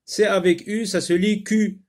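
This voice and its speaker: A man's voice: high voice, steady tone, unhurried, a little mellow. A man teaching a phonics lesson to young learners, patient and repetitive, sounding out words syllable by syllable with frequent filler sounds.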